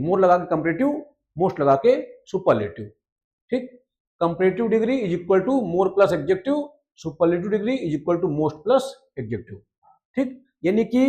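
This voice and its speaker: A man teaching a grammar lesson. He repeats each rule in Hindi, reads the English lines slowly and keeps checking in with his listeners. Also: high voice, a little mellow. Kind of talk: explaining a lesson.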